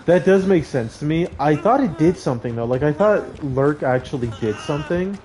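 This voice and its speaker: A man's voice: fairly high pitch, expressive, moderate pace, a little mellow. A young man streaming a game, joking with his chat and laughing between calls to his teammates. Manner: joking, talks to chat while playing, laughs often. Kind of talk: casual gaming stream chat.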